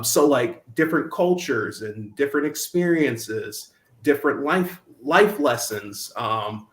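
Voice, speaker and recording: A man's voice: medium pitch, a bit bright. A young man from Minnesota, a guest in an interview, speaking reflectively with frequent restarts and ums. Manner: halting, many restarts and ums. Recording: roomy echo.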